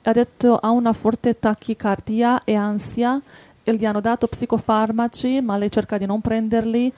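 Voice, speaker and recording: A woman's voice: a little high, flat delivery, moderate pace, warm tone, no echo. A woman from Hungary co-hosting an informal devotional chat. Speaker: co-host.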